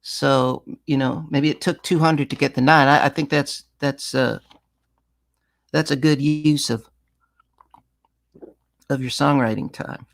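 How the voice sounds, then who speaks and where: A man's voice: medium pitch, steady tone, measured pace, gravelly, long pauses. A man leading a songwriting masterclass, talking casually with many restarts and sudden sung examples. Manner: conversational, full of restarts, breaks into sung and acted examples. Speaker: songwriting teacher.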